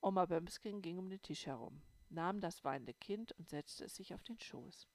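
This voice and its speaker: A woman narrating a first-person audiobook in a calm storytelling manner. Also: fairly low pitch, moderate pace, no echo. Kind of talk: scripted narration.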